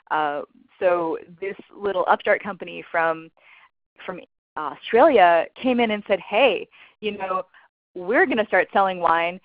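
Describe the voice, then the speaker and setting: A woman's voice: low voice, no room sound. A woman giving a fundraising webinar presentation in a casual, conversational way, with lots of fillers. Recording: dull lo-fi dry webinar audio.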